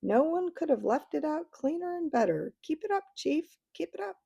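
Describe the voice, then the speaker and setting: A woman's voice: sits high, big pitch swings, normal speed, creaky, dark tone, muffled recording, voice pushed up, exaggerated voice. Woman doing a fawning chorus of invisible men. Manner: fawning, echoing agreement.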